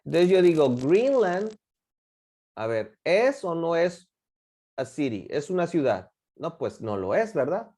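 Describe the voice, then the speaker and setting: Lively, mellow-voiced teacher. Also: medium pitch. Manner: drills words slowly and quizzes the class with questions. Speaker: English teacher. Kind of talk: classroom instruction in Spanish and English.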